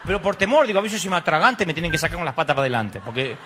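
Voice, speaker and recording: A man's voice: on the high side, big pitch swings, very fast, noisy background. A middle-aged Argentine man preaching a humorous sermon, telling stories with acted voices and sound effects. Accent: Argentine Spanish. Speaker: pastor.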